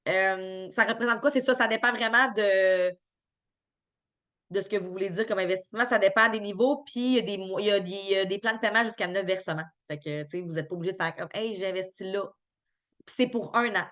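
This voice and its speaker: A woman with a Québécois French accent talks in a mid-range, slightly bright voice. Upbeat and conversational, she fields questions from viewers in a live stream's chat, with plenty of fillers and false starts.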